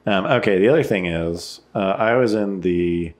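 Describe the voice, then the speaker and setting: A man's voice: sits low, normal speed, crowd noise. A man in a casual, sweary chat, telling stories and slipping into imagined quotes as he goes. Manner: frequent swearing. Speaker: podcast co-host recounting road trips.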